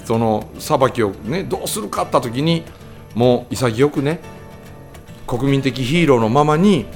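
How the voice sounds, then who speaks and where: A man's voice: mid-range voice, expressive, measured pace, soft background music. A man with a Kansai accent telling anecdotes in casual chat, sometimes slipping into mimicked voices. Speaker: guest telling stories.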